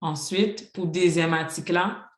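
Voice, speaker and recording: A teacher works through a grammar lesson at a patient, even pace. Each rule gets an example, and "ok, donc" keeps coming back between points. The voice carries a roomy classroom echo at a middle pitch. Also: measured pace. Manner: patient, spells out rules with examples, frequent "ok, donc" fillers. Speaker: Haitian Creole teacher.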